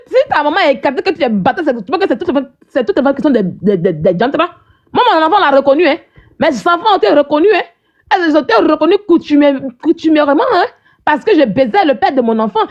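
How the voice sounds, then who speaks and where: A woman's voice: high voice, lo-fi sound. A woman hosting a live stream, ranting at her viewers in a combative, mocking way and often asking "hein?".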